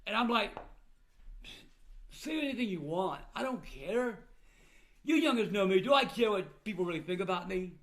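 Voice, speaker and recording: A man's voice: sits high, expressive, moderate pace, long pauses, a bit bright. An older man talking casually and bluntly to his viewers, with the plain manner of an old grandfather. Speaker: vlogger recounting family troubles. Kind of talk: casual personal talk to viewers.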